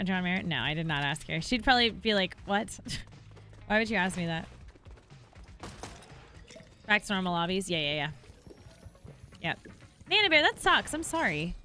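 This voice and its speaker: A woman's voice: medium pitch, lively intonation, a little fast, pushed and bright. A woman livestreaming while gaming, chatting casually and thanking viewers in a bubbly way. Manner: bubbly, reads out chat and thanks subscribers.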